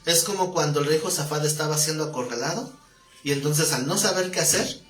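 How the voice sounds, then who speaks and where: A man, a pastor teaching a live Bible class, telling stories in a lively way and asking the class questions. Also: a little high, fairly quick, soft background music. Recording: echoey room, faint background noise.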